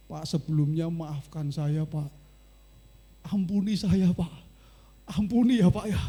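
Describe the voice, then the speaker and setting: A man's voice: a little high, fairly even intonation, a little slow, dark tone, husky. A male pastor voicing a frightened young boy who pleads hesitantly. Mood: pleading.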